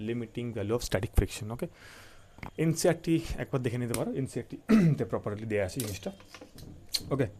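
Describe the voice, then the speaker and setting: A man's voice: medium pitch, dark tone, a little hiss or hum. Bengali accent guy teaching physics, switches between bengali and english, keeps asking "okay?" and answering his own questions. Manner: mixes Bengali and English, asks questions and answers them himself; repeats key points and checks in with listeners. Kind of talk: classroom-style lecture.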